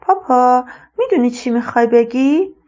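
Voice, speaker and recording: A woman's voice: high-pitched, expressive, darkish tone, lo-fi sound. A woman voicing a young adult daughter who asks her father teasing, direct questions.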